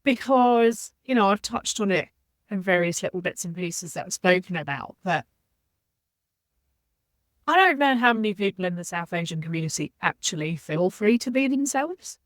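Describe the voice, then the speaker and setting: A woman's voice: mid-range voice, lively intonation, normal speed, dry recording. A woman from Zambia, a podcast guest, speaking in a reflective, candid way. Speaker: guest, social impact leader. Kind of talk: podcast interview.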